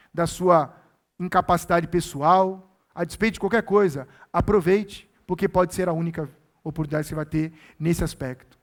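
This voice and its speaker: A male pastor preaching a sermon, earnest and exhorting, repeating his key phrases for emphasis. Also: fairly high pitch.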